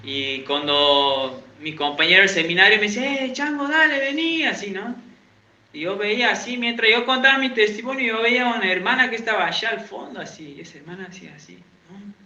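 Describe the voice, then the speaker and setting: Bright high-voiced pastor preaching. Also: male voice, brisk. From Santiago, Argentina. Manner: chatty, quizzes the congregation, self-mocking humor. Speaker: evangelical pastor. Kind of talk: conversational sermon. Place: church in Uruguay. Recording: echoey church, dull lo-fi sound.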